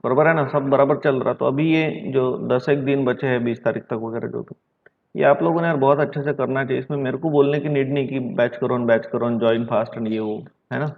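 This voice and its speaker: A man from Maharashtra, India, teaches math online in a creaky, mid-range voice, keeping a steady tone and talking a little fast. He is stern and scolding, repeats himself, and uses English math terms. The recording is dull lo-fi.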